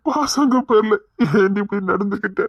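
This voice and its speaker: A man voicing a protective young man, breathy, slow and reproachful, dry lo-fi sound. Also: sits high, no room sound. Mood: hurt reproach. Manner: slow, reproachful, then firmly reassuring. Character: protective young man, hurt but loyal lover. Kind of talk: audio drama acting. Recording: dry, dull lo-fi recording.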